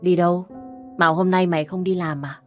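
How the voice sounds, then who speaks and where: A weary young woman, as a woman reader puts her on in a storybook reading, speaking low and hesitantly. She sounds reluctant and worn out. Soft music sits in the background. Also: steady tone, normal speed, close to an everyday voice.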